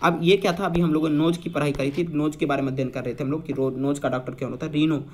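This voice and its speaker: A young man runs an exam-prep vocabulary lesson. His voice sits a little high, and he explains each word patiently. He keeps checking understanding with quick questions, and faint noise hums behind him. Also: fairly even intonation. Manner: explains patiently, repeating and quizzing.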